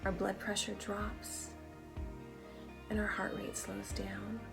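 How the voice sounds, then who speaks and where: A woman leads a guided breath prayer slowly and softly, leaving long pauses between short phrases. Her mid-pitched voice is hushed and breathy, settling often into creak. Clear music plays behind her. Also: monotone. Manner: slow, soft, breathy delivery with long pauses. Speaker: spiritual practice guide.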